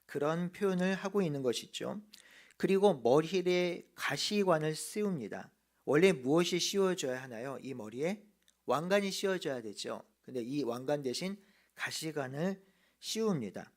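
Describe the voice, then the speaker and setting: A man preaching a sermon as a pastor, earnest, slowing down to stress key phrases. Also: a little high. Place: church.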